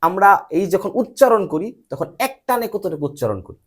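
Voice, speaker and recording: A man leads a patient one-to-one lesson, his voice rising and falling in a lively, animated way. He keeps checking understanding with short questions and spells words out letter by letter. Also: high voice, fairly quick. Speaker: English teacher. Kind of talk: patient spoken lesson, quizzing a student.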